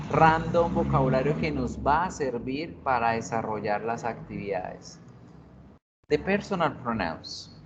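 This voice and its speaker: Slow patient guy teaching an english class, repeats every word, kinda dull lo-fi sound with a little hiss. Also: medium pitch. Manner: patient, repeats words slowly for drilling. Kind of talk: bilingual video class lesson. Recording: dull lo-fi recording with faint noise.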